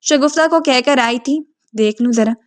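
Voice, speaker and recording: Woman reading as a gently teasing mother. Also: high-pitched, close to an everyday voice. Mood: fond. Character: caring middle-aged mother-in-law, teasing.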